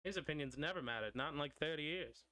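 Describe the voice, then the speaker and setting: A man's voice: a little high, fast, pushed and bright. A young man streaming while he draws, chatting casually and drifting into side stories. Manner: rambling, digressive storytelling. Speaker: streamer drawing a character.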